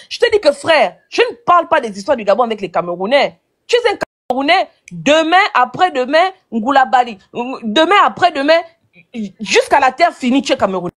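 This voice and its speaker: Woman, combative online rant, high and very animated pitch, name-calling. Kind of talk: angry live-video rant.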